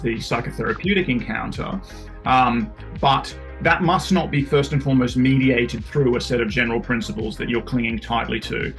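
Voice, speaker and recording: An earnest man with a gravelly, creaky voice presses his points with real emphasis, sometimes restarting a phrase. Faint music sits behind him. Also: medium pitch, fairly bright tone, low-quality recording. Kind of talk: casual philosophical discussion.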